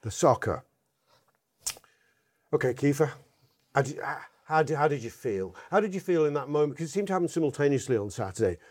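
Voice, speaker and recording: A man's voice: fairly high pitch, sing-song, a little fast, long pauses, darkish tone. A man hosting a football podcast, chatting casually and joking his way through a sponsor read. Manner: chatty, jokey, reads sponsor copy with asides. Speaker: podcast host.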